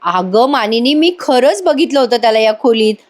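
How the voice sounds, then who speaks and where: A woman's voice: on the high side, animated, moderate pace, close to an everyday voice. A woman voicing a nosy, suspicious older aunt who scolds and insists. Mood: insistent. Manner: insistent, bossy retelling of a gossiping aunt.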